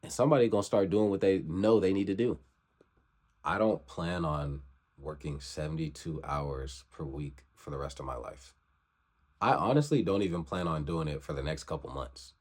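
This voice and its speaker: A man's voice: extremely low pitch, normal speed, a little mellow, slightly rough. A man in his twenties gives a motivational vlog talk, preachy and repetitive, urging viewers to grind. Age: 20s. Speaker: vlogger.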